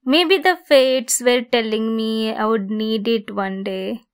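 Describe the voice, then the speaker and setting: In an ASMR roleplay monologue, a woman takes the part of a centaur who holds someone captive, possessive and domineering yet caring. Her voice sits a little high, and she teases in a slow, deliberate way with a gentle, coaxing mood.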